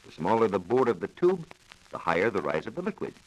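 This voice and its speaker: Fairly low-pitched and very animated, an American man moves at a quick pace through a scripted science explanation, formal and precise, as a reporter on a 1940s radio show. The vintage broadcast audio is poor.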